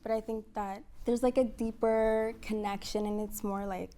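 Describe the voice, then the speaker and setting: A woman's voice: medium pitch, level tone, normal speed, a little hiss or hum. A woman in her twenties sharing personal feelings on a dating show, hesitant and full of ums. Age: 20s. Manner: hesitant, soft-spoken, many ums.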